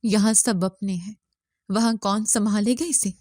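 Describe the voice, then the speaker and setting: A woman's voice: mid-range voice, fairly even intonation, a little mellow, no room sound, studio quality, natural voice. Solemn kindly village uncle, as a woman narrator puts him on. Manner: heavy, solemn.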